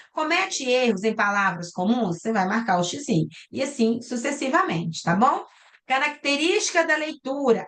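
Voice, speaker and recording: A woman's voice: a little high, fairly bright tone. A Brazilian Portuguese woman teaching a recorded online class over a video call, explaining step by step and checking in with her students. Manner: explains step by step, often ending with "tá?" and "né?". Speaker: lecturer. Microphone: computer mic on a video call.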